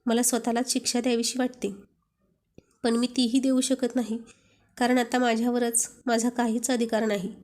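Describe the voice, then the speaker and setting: A woman's voice: a little high, flat delivery, normal speed, darkish tone, lightly acted. A woman voicing a shy, loving young wife who speaks bashfully and affectionately. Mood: tearful.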